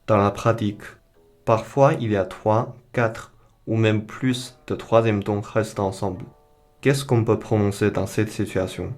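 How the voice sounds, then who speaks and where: A man with a lowish voice teaches a beginner language lesson, taking it very slowly and carefully. He models each sound for the learners, and soft guitar music plays faintly underneath. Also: steady tone. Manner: slow, careful explanation with modeled pronunciation.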